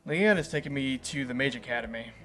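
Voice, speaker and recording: A man's voice: medium pitch, quick pace, a bit bright. Playful man reading a game aloud. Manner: playful, laughs at the story. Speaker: gaming channel host.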